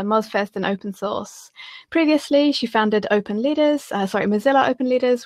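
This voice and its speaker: A woman's voice: fairly high pitch, darkish tone, no room sound. A woman in her thirties hosting an online conference session, introducing the next speaker, slightly flustered and apologizing for her slips. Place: home room, indoors. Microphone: headset, video call.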